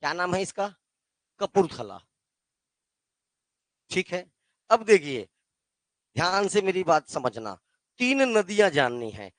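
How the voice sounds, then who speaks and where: High-voiced Hindi teacher quizzing his class. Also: big pitch swings, slow pace, long pauses, dry recording. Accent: Chhattisgarh Hindi. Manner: quizzes students with call-and-response questions; addresses students as "beta". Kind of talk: classroom geography lesson.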